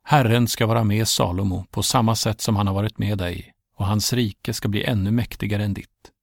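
A man's voice: lowish voice, steady tone, creaky, no echo, studio quality. A man voicing Benadja, a loyal soldier giving a firm blessing, in a storybook reading.

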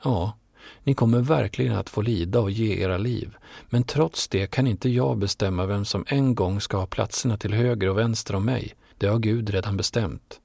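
A man voicing Jesus as a calm, grave male teacher, speaking in a measured, solemn way. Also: fairly low pitch, creaky, slightly rough, no room sound, clean studio sound.

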